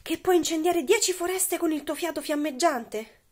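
A woman voicing a clever young princess in a storybook reading, eager and flattering. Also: very high voice, moderate pace, pitched above the performer's own voice.

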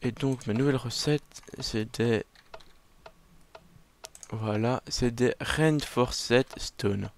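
A man's voice: medium pitch, takes it slowly, gravelly, pauses often, a little hiss or hum. Chatty French-speaking gamer man. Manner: chatty, self-mocking, muttering to himself while playing. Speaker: let's play gamer. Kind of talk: casual game commentary.

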